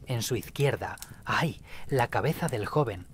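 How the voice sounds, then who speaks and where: A man calmly narrating a bedtime story in a measured way. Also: medium pitch, a little hiss or hum.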